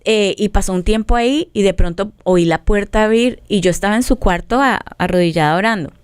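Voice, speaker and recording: A woman's voice: mid-range voice, a little fast, clean tone, dry recording, studio quality. A middle-aged woman, a family counselor, sharing a heartfelt personal story in an interview and acting out what was said. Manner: earnest storytelling, acts out dialogue. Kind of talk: testimony in interview.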